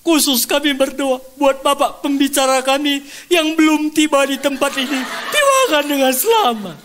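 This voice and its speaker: A man doing an earnest, high praying headmaster. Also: lively intonation, moderate pace, a bit bright, slight background noise. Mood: earnest prayer. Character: male school headmaster praying aloud.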